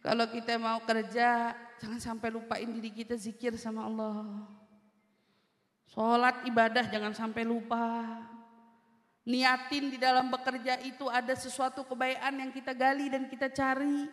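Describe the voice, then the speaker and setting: A woman preacher gives an animated, teasing sermon to a women's study group, mixing everyday slang with Arabic phrases. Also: fairly high pitch. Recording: echoey hall with long reverb.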